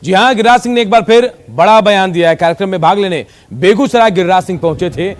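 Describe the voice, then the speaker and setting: A man's voice: high voice, fast talker. A male news anchor giving voice-over reports.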